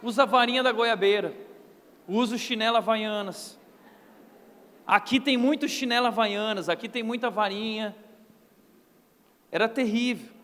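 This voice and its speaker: Brazilian pastor, light high voice, lively joking sermon, echoey church hall. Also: male voice, normal speed, pauses often. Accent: Brazilian Portuguese. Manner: humorous, animated storytelling.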